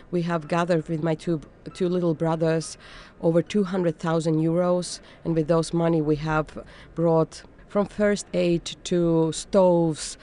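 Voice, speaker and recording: A woman conductor from Finland, answering interview questions thoughtfully and pausing often with fillers. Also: fairly low pitch, mellow. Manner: thoughtful, searching for words with frequent fillers. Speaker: orchestra conductor.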